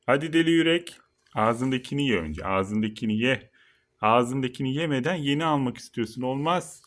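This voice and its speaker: A man with a mid-pitched voice hosts a casual vlog. He explains calmly and low to his viewers, then coos high and eager to his pet. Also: moderate pace. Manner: coos at his turtle in a high, excited baby-talk voice. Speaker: channel host.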